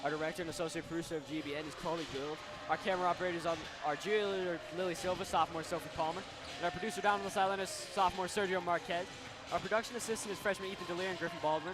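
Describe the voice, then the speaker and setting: High-voiced teen boy calling a game. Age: teens. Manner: excited, rises to loud calls at big moments. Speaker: student play-by-play announcer. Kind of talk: sports commentary. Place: school gym. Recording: noisy gym broadcast.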